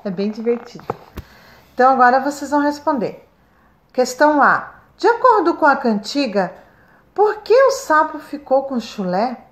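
A Brazilian woman with a slightly high voice records a lesson for first-grade pupils. She talks slowly and kindly, stretching syllables out and checking in with the children often. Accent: Brazilian Portuguese. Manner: slow, sing-song, stretches syllables for children.

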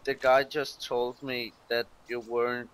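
A man's voice: medium pitch, flat delivery, a little slow, a bit bright. A man playing an online role-play game, talking to other players over voice chat. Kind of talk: gaming voice chat. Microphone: gaming voice chat microphone. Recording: faintly noisy game voice chat.

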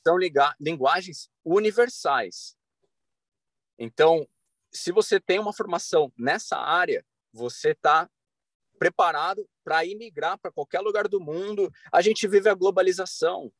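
Man in his thirties from Brazil, podcast guest on webcam, earnest and advising, dry close sound, slightly high voice. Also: a little slow, fairly bright tone, no room sound. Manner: earnest, advising, many restarts and fillers. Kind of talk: casual interview talk. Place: bright room at home. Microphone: video call webcam.

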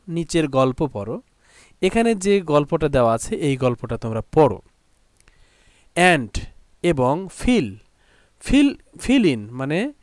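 A man teaching an English textbook lesson, slowly translating each phrase and explaining it. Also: fairly high pitch, a little mellow, no room sound, studio quality.

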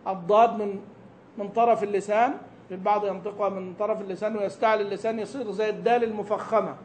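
High-pitched guy teaching quran recitation, asks the class stuff then answers it, says example words slow and careful. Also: slight background noise. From Saudi Arabia. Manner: questions his class then answers himself, slows to model words syllable by syllable. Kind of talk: explaining a tajweed text to students. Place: mosque lesson hall.

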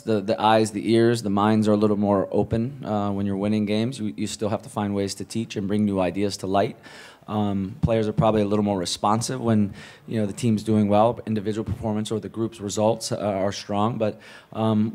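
Low, mellow-voiced coach at a press table. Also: male voice. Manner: measured, repeats words while thinking. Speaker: head coach. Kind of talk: post-match press conference answers. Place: press room with a sponsor backdrop. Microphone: table mic on a stand.

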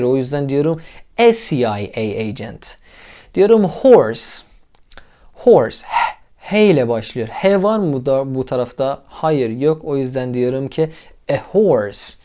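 A man's voice: fairly high pitch, darkish tone. A man teaching an English lesson in a casual, explanatory way, repeating sounds aloud for drill and asking viewers questions before praising them.

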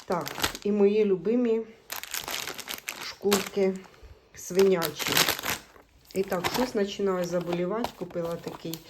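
A woman's voice: mid-range voice, a little slow, long pauses. A woman from Ukraine vlogging in a chatty, homely way, talking straight to her viewers about groceries and meals, partly from a moving car. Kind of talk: casual chat showing groceries and meals. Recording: loud background noise with car sounds.

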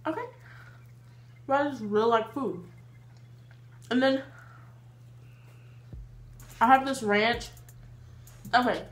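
A woman's voice: medium pitch, a bit bright, echoey room. A 21-year-old woman chatting casually while eating for a mukbang vlog, with lots of fillers. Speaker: mukbang vlogger.

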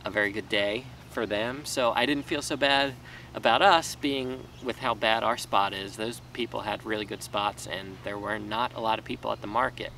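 A small farmer in his thirties films a casual talking-head vlog outdoors in his vegetable garden, rambling a bit with fillers and restarts. His voice is fairly low, at a normal pace, pushed and bright. The camera mic sits a few feet away, so the sound is distant with faint outdoor noise.

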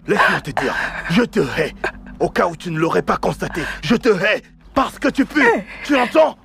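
A man dubbing a cocky young man who loudly rejects his lover in a film drama. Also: fairly high pitch, lively intonation, brisk, gravelly, a little hiss or hum, exaggerated voice. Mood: contemptuous. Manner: contemptuous and loud.

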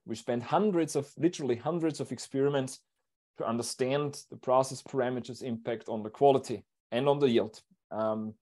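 A man presenting a technical talk at an online seminar in a steady, explanatory way, over a video call. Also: mid-range voice. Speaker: invited speaker.

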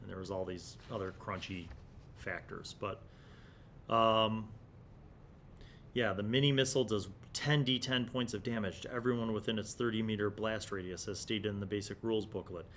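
The host of an old-gaming content series, a middle-aged man, reviews nostalgically in a casual, conversational vlog style. His tone is fairly bright, his intonation fairly even, and his speed normal. Recorded in a small indoor studio room on a desktop condenser mic, the clip has clear background noise and a low rumble.

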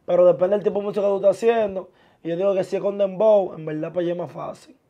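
A young man, a guest chatting casually and laid-back in a small studio, full of street slang and trailing off softly. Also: sits high, steady tone, rapid-fire, dull audio. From born in the US, of Dominican parents. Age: young adult. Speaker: guest, musician and TikToker. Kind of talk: casual interview talk. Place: small indoor studio with sofa chairs.

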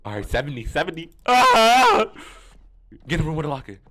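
A man's voice: fairly high pitch, animated, rapid-fire. A scared young man doing casual horror game commentary with a friend, jumpy and swearing, prone to screaming. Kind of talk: casual gaming commentary with a co-player. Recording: noisy gaming mic with clicks.

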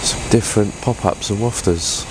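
A man's voice: lowish voice, moderate pace, noisy background. A man, chatting casually to camera in a fishing vlog, rambling with fillers and restarts, recorded on a lapel mic inside a tent. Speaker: fishing vlogger. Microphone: clip-on lapel mic.

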